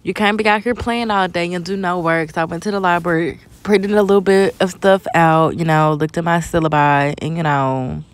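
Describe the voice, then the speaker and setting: A woman's voice: on the low side, fairly even intonation, normal speed, hardly any pauses. A young woman vlogging, talking casually and playfully as a college student, laughing and hyping up her friends. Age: young adult. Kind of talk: casual vlog chat. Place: outdoors on a busy campus. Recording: crowd noise outdoors.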